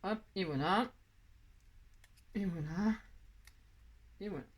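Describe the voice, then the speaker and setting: A woman's voice: medium pitch, slow, slightly rough. A woman hosting a chatty crafting tutorial, rambling and self-mocking, talking to herself as she works. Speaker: craft video host.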